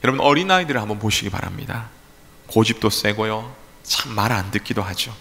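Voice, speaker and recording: A man's voice: lowish voice, a little fast, creaky, sharp tone. A male pastor preaching a sermon at a midweek church service, asking rhetorical questions and acting out voices. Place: church sanctuary. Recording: echoey church hall.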